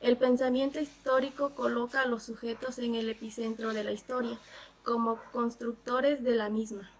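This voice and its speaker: Slightly high-voiced woman presenting formally. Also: level tone, normal speed. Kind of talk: scripted academic presentation.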